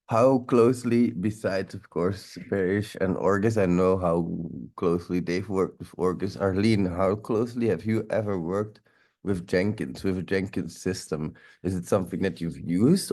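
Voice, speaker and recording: A security instructor with a deep, warm voice gives a loose, rambling live walkthrough of a tech tool. He has a stuffy nose and swears now and then.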